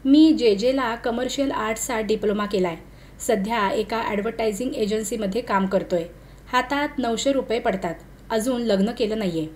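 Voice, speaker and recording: A woman's voice: fairly high pitch, moderate pace, a little mellow, close to an everyday voice. A woman reading the lines of a young man, a struggling commercial artist, who answers curtly and grows irritated. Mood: earnest. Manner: protests and snaps in exasperation.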